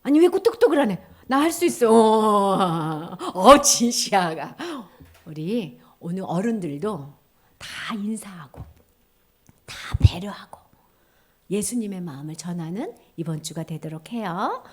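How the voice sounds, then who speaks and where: A woman giving a children's sermon in a church, animated, acting out little voices and dropping to a whisper for key points. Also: medium pitch, a little slow. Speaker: children's ministry teacher.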